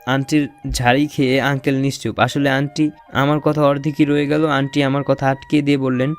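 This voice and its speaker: A man's voice: medium pitch, flat delivery, brisk, smooth, faint music behind. A young man narrating an audio romance story in first person, playful and teasing. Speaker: narrator and lead voice actor.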